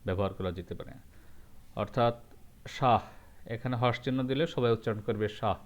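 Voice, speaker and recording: A man teaching a grammar lesson, going through rules step by step and repeating each example slowly. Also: medium pitch. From Bangladesh.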